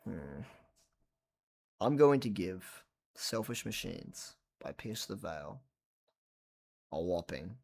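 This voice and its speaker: A man's voice: low-pitched, very animated, takes it slowly, creaky, pauses often, a little mellow. Tired man rambling about a record. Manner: rambling, swears casually, trails off and mumbles. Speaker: vlogger reviewing a record. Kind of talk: casual rambling monologue. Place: at home late at night.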